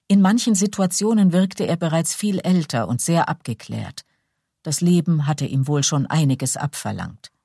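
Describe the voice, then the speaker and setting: A woman narrates a novel in a calm, measured audiobook read. Her voice is low, dark and husky. It is a dry, close recording with no room sound. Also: dry recording.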